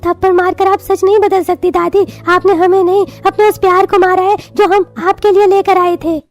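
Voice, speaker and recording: A woman's voice: extremely high pitch, level tone, normal speed. A woman voicing a young boy who stands up for his mother in a scripted audio story. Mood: defiant. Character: young boy, defiant and protective.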